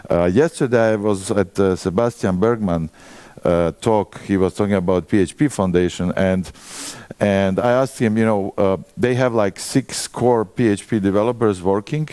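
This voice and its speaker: A man in his forties from Croatia, speaking with a Croatian accent as he gives a conference presentation and puts quick questions to the audience. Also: fairly low pitch, dark tone, no echo. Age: 40s.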